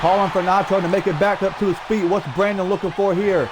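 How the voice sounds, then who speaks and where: A male play-by-play commentator calls a video game wrestling match with high energy, shouting exclamations through a strained throat. His voice sits high and moves fast. A loud video game wrestling crowd and other noise fill the background.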